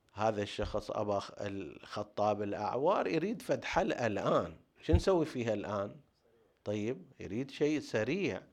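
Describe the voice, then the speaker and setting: A male teacher delivers a lecture on religious law at an ordinary, middle pitch. He works through each point step by step, pausing on rhetorical questions before he answers them. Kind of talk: jurisprudence lecture.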